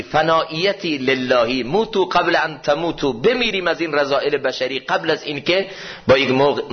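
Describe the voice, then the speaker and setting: A male preacher giving a sermon in a mosque, moving from loud impassioned cries to low, solemn tones. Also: lo-fi sound. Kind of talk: sermon on mystical poetry.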